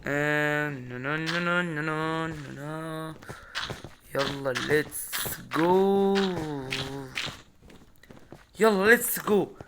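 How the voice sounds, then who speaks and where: Young man, Egyptian Arabic accent, gaming commentary, excitable, repeats words in bursts, slightly high voice. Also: takes it slowly, pauses often, background noise. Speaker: gaming YouTuber. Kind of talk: Minecraft gameplay commentary.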